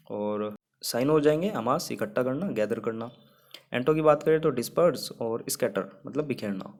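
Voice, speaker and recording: A man's voice: medium pitch, darkish tone. A young man teaching English vocabulary in Hindi. He explains each word patiently and builds a memory trick around it.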